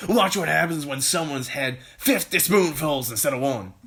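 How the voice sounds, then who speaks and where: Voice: medium pitch, animated, moderate pace, a bit bright. A storyteller voicing a sly, grinning husband who delights in the trouble. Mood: gleeful. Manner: sly, gleeful. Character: gleeful scheming husband, grinning. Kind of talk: storybook read-aloud.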